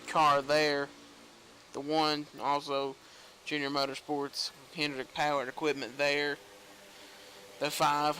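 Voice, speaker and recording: A young man giving casual play-by-play commentary on a sim racing league, rambling between team names and growing excited at the finish. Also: fairly high pitch, slight background noise, low-quality recording. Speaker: race commentator.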